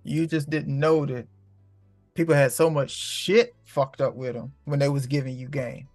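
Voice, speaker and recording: A man's voice: medium pitch, flat delivery, moderate pace, a little mellow, no room sound, soft background music. A man hosting a casual spiritual talk, rambling and profane, heavy on street slang. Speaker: host.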